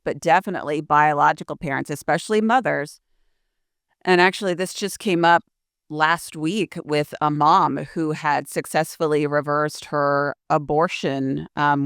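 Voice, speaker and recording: A woman's voice: deep voice, fairly bright tone, smooth, no echo, studio quality. A middle-aged woman hosting a podcast interview, earnest and reflective as she frames her questions. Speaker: podcast host.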